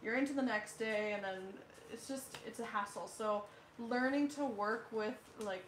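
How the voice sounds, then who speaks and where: A woman's voice: on the high side, moderate pace, a little hiss or hum. A woman, chatting casually as a homestead co-host, full of "like" and "so". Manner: chatty, filler-heavy explainer. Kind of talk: casual group chat. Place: living room, indoors. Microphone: far camera. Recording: echoey room.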